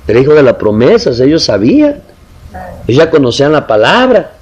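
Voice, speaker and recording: A man's voice: medium pitch, wildly swooping pitch, fast, a little mellow, husky. A man preaching a sermon in Spanish, impassioned, building emphatic lists and calling his listeners brother.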